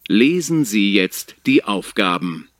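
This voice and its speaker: A man reading exam instructions in a slow, measured and formal way. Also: fairly low pitch, very animated, fairly bright tone, dry recording, clean studio sound. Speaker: exam announcer.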